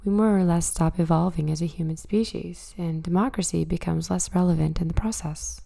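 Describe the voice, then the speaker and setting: A woman hosts a casual monologue, her voice raspy and hoarse from a cold. It sits fairly low and sounds dark and gravelly. She talks thoughtfully and leans on fillers. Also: steady tone, fairly quick. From Canada. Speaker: podcast host.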